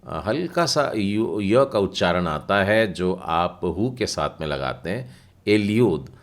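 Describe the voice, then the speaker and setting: Man, very low voice, unhurried, patient teacher, letter-by-letter explanation. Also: expressive. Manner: spells out letters and sounds patiently, step by step. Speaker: Bible language teacher. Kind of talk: slow explanatory lesson.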